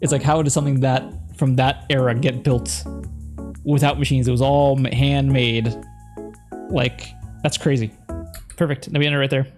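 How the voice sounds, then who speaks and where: A man's voice: mid-range voice, flat delivery, moderate pace, darkish tone, soft background music. A man streaming a game, talking casually to himself as he plays and edits his video. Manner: thinks aloud, muttering to himself. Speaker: gaming streamer. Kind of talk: casual commentary while playing and editing.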